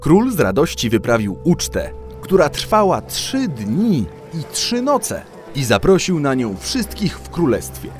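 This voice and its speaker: Slow expressive male storyteller. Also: fairly high pitch, soft background music. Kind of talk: fairy tale read aloud.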